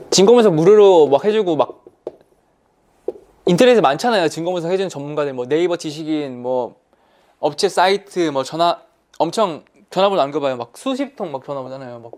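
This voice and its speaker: A man giving an online lecture on insurance, talking in an animated, colloquial way and repeating key words for emphasis. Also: on the high side. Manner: animated, acts out salespeople's lines in quotes.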